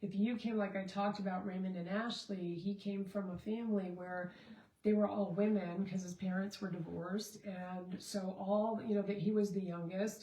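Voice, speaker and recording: A woman's voice: medium pitch, mellow, roomy sound, poor audio. A middle-aged woman, a relationship and marriage coach, talking casually and rambling with many fillers and restarts. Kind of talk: casual Facebook Live talk.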